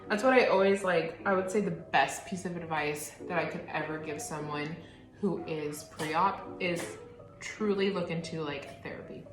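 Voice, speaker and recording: A woman with a fairly low voice chats candidly while putting on makeup, scattering "like" through her sentences. The sound is roomy and echoey, with music playing clearly behind her. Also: moderate pace. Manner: candid, chatty, lots of "like" fillers. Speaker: co-host, post-op. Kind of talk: casual chat while doing makeup. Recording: echoey room with background music.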